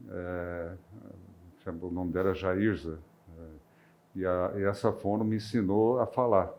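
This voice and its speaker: An older Brazilian man, a retired physician from the interior of São Paulo state, reflects on personal memories in a deep, darkish voice. His rural São Paulo interior accent leans toward Minas Gerais, and he speaks hesitantly, restarting often and using filler sounds.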